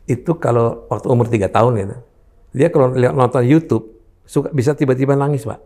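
Fast-talking gravelly older man. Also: mid-range voice, dark tone. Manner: explains with examples from his grandchildren. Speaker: talent mapping expert. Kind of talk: casual talk show conversation.

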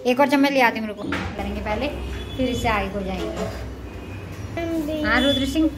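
Chatty mother narrating over loud music. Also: on the high side, moderate pace. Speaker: vlogger. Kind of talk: casual family vlog.

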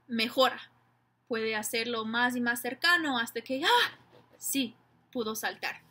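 A woman's voice: fairly high pitch, bright, forceful tone. A woman giving parents an informal lesson, explaining patiently step by step. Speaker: educator giving tips to parents.

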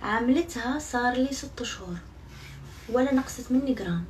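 Chatty higher-voiced woman vlogging. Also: lively intonation, fairly quick. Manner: chatty and self-mocking, swears oaths often. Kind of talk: casual vlog chat to viewers. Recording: somewhat far from mic, faint background noise.

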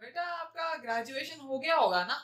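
Prying middle-aged uncle next door , put on by a woman, stern father, disapproving questions, fairly high voice, echoey room. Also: lively intonation, normal speed, fairly bright tone.

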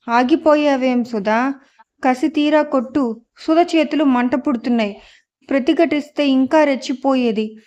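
A woman narrating a novel chapter in a measured reading voice. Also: high voice, darkish tone. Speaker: audiobook narrator. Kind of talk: scripted story narration. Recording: dull lo-fi audio.

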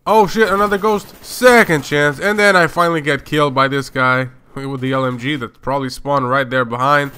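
A young man commentating his own shooter gameplay, excitable and slangy, swearing and trash-talking. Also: mid-range voice, moderate pace, few pauses, smooth. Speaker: gaming YouTuber.

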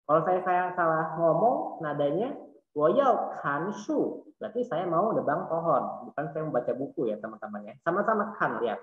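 A man with an Indonesian accent teaching a Mandarin class online, explaining patiently and repeating words slowly. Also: a little high. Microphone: video call. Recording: echoey tinny online call audio.

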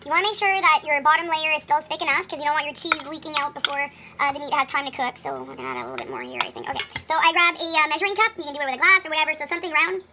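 A woman's voice: sits high, animated, very fast, few pauses, noisy background. A woman in her thirties chatting casually through a home cooking demo in her kitchen, rambling and correcting herself as she goes, recorded on a phone camera. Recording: clear kitchen clatter of dishes and pans.

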